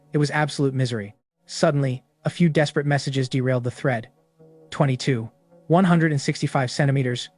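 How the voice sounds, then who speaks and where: A man narrating a story recap in the first person, in a steady, matter-of-fact way. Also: a little high.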